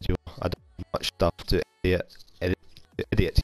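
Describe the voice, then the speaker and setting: A young gaming YouTuber from Scotland, suffering from a cold, rambles casually and self-deprecatingly through his gameplay commentary. He speaks briskly in a low, flat voice into a console headset mic, with no room sound and faint music in the background.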